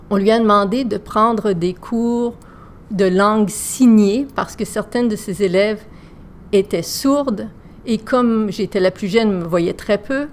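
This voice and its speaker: A woman's voice: medium pitch, a little hiss or hum. A woman teacher with a Québécois accent, telling self-deprecating, humorous anecdotes in a casual podcast.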